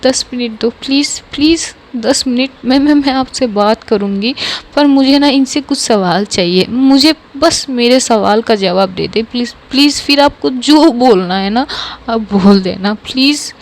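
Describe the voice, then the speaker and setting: A woman's voice: a little high, measured pace. A woman voicing a heartbroken young woman who begs her lover for the truth, tearful and repeating herself. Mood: pleading. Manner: tearful, pleading, repeating please. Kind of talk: storytelling narration.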